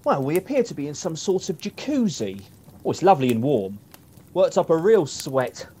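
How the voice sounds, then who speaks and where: Male actor: a dotty, oblivious explorer with lively swooping delivery. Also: on the high side, normal speed, breathy edge. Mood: content. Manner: whimsical, cheerfully oblivious. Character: dotty, hungry male explorer lost in fantasies. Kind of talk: comedy audio drama.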